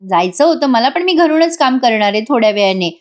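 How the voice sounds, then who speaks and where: A woman's voice: high-pitched, animated, a little fast. A woman doing a stern protective father. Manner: gentle but stern. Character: protective middle-aged father, stern toward son-in-law.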